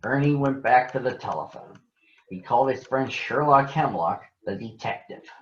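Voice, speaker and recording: A medium-pitched man reads a picture book aloud to children in a storytelling style, speaking in deliberate phrases. The sound is lo-fi.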